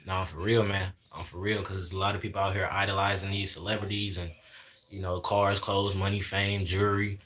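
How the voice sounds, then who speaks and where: A man's voice: low-pitched, flat delivery, a little fast, a bit bright. A man in his twenties chatting casually on a livestream, preaching in a repetitive way and sprinkling in "man" and "y'all". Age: 20s. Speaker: livestream host.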